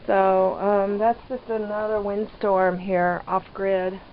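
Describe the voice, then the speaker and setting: A woman giving rambling, hesitant, casual vlog commentary from inside a small trailer, pausing mid-sentence. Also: mid-range voice, little pitch movement. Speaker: vlogger living off grid in a trailer. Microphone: handheld camera microphone. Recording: dull lo-fi camera audio, background noise.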